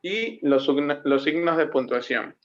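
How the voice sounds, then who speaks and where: Male student, class presentation, fairly high voice, muffled lo-fi sound, explanatory, reads examples slowly. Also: expressive. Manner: explanatory, slows down to read example words. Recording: muffled lo-fi recording.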